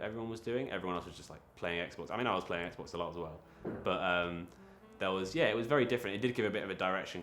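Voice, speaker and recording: A young man talking in a casual, reflective interview, halting often with fillers and restarts. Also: deep voice, fairly bright tone. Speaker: creative interviewee.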